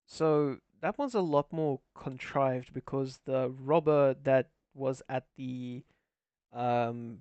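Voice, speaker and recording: A man's voice: medium pitch, slow, a little mellow, smooth, dry recording, lo-fi sound. A man chatting casually as a podcast co-host, loose and swearing, heard through a crackling, distorted microphone. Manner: loose, swears casually, thinks aloud with fillers. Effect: crackling, distorted mic. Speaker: podcast co-host reacting to a video. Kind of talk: casual chat.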